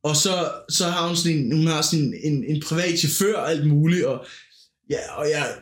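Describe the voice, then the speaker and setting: A man's voice: fairly high pitch, echoey room. A man hosting a podcast, telling a long, rambling story in casual chat and often searching for words. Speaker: podcast host.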